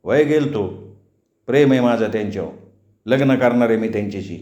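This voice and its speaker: A man's voice: lowish voice, expressive, brisk, warm tone, natural voice. A man voicing a proud, defiant young village man who speaks with intensity, in a roomy recording. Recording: roomy echo.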